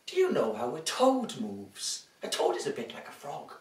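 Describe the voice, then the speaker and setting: A woman presenting an interactive story for young children like an overbright party host, with exaggerated excitement and sing-song lines. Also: sits low, normal speed. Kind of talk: interactive picture-book reading for young children. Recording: roomy echo, distant from the mic.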